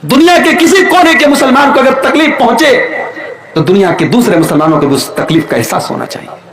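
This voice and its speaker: A man from northern India preaching a sermon with passion, rising to shouts and chanting Arabic verses slowly. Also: very high voice, expressive, echoey room, a crowd in the background, rough recording. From Uttar Pradesh, India. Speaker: Islamic preacher.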